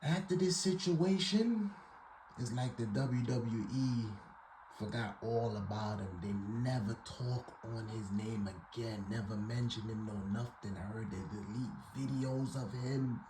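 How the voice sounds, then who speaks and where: Man, casual commentator, very slow, echoey room, background noise. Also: mid-range voice. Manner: laid-back, keeps adding "man".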